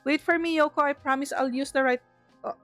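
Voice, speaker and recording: An excitable, easily startled woman with a Filipino accent, playing a horror game for viewers and reading its text aloud. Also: high voice, a little fast. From Philippines. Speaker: gaming streamer. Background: game music.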